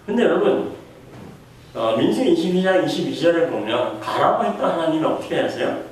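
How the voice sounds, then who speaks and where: A man's voice: a little high, very animated, a little fast, slight background noise. A man preaching a sermon as a pastor, putting questions to the congregation and acting out the voices he quotes. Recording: echoey room heard from a distance.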